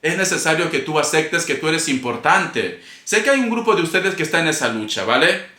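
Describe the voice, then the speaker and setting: A man's voice: on the high side, sing-song, brisk, sharp tone. A man giving a casual tarot reading to camera, chatty and playful, calling viewers darling. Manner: bursts into singing and laughter. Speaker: tarot reader. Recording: echoey room.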